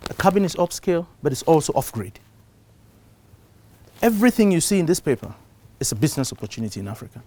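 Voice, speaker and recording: A middle-aged man from Cameroon giving a live talk to a conference audience. He gets louder to stress his points, then drops down again. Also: a little high, fast talker. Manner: animated, shifts loudness for emphasis. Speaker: conference speaker. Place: conference stage before an audience.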